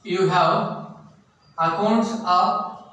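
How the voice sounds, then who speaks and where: Slow, echoey male lecturer. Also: sits high, fairly bright tone. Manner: deliberate, repeats items for note-taking. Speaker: college accounting lecturer. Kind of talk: classroom lecture. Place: echoey classroom with a board. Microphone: distant from the speaker. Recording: echoey room, distant mic, faint noise.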